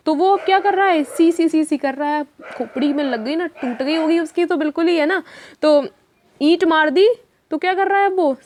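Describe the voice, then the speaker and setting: A woman's voice: high voice, a little hiss or hum. A woman teacher giving an exam-prep lesson, chatty and storytelling, asking her students questions as she goes.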